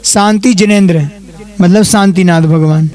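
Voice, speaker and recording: A man who is a monk, leading a class in reciting and explaining Sanskrit verses, chanting slowly and then explaining in quick asides. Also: sits high, a little mellow. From India. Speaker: Jain monk teaching a class.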